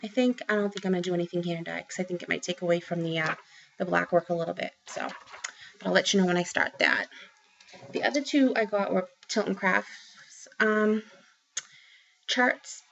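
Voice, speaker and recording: A woman in her forties from the Boston area, with a Boston accent, chats to camera about her craft haul, rambling with plenty of ums and restarts. Her fairly low voice is gravelly and a bit bright, at normal speed. She's indoors in a small room at home, recorded close on a webcam with dull, lo-fi sound.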